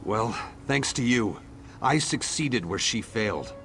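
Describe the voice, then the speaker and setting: Taking it slowly, a man uses a full character voice, fairly low and a bit bright, for an animated turn as a young townsman in a video game. The character is hopeful and grateful, defying fate and rallying his people, and the man speaks earnestly and declaims somewhat over background music.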